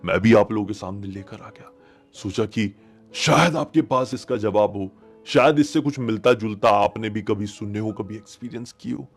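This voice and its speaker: Music plays as a man with a lowish voice narrates a horror story at a moderate pace. He's the channel's storyteller, conversational and suspenseful, often repeating phrases for emphasis.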